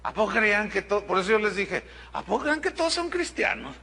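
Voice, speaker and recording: A high, lively male pastor preaches to his congregation. His bright voice swings up and down as he tells stories and acts out the dialogue, blunt and direct. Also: fairly quick, gravelly, breathy edge. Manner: direct, storytelling with quoted dialogue. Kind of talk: sermon.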